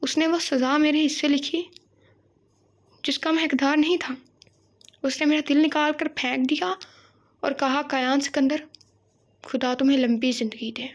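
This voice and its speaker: A woman voicing a grief-stricken, violent young man with a breathy, half-whispered delivery. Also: high-pitched, fairly even intonation, moderate pace, pauses often, close to an everyday voice. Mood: sobbing pleading.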